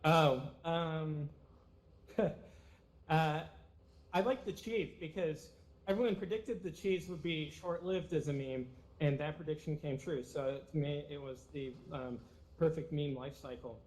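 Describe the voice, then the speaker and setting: A man's voice: on the high side, a little slow, darkish tone, low-quality recording. A man being interviewed as a guest on a talk show, answering casually with many ums and uhs before he settles on an answer.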